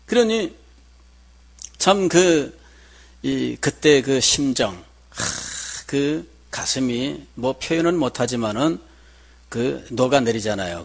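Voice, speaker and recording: A man's voice: medium pitch, breathy edge. A middle-aged man preaching a sermon as pastor, telling a personal story in a conversational way and asking the congregation questions.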